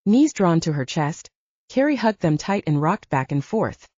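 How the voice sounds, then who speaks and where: A woman narrating a romance audiobook with expressive storytelling. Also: fairly low pitch, measured pace, no echo, highs cut off. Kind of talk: scripted narration.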